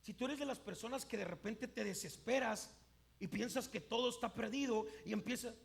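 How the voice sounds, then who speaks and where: A male pastor preaching a sermon emphatically, swinging between loud and hushed, with occasional stumbles and repeated words. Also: extremely high pitch, brisk, vocal fry.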